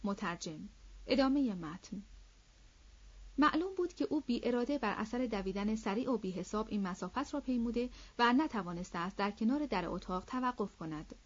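Woman reading a classic novel aloud. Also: on the high side. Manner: steady, measured reading. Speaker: audiobook narrator. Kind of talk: scripted literary narration. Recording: slightly dull lo-fi audio.

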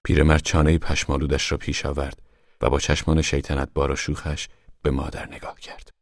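A man giving measured, solemn scripted narration of a novel for a radio drama. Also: rumbling low, level tone, no room sound, studio quality.

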